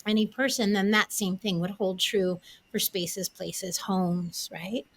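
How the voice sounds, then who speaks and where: A woman with a medium-pitched voice hosts a reflective, conversational interview. She works through ideas aloud and often checks that the other person follows her. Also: fairly even intonation, slow, a bit bright. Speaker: podcast host.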